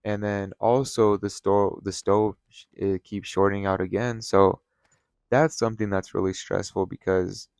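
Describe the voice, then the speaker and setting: A man's voice: lowish voice, level tone, unhurried, creaky, darkish tone, clear, resonant tone, no room sound. A tired, burnt-out man talking casually from home in a rambling, laid-back vlog monologue, swearing now and then. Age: adult, has kids and a wife. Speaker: vlogger. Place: at home, sitting in a chair.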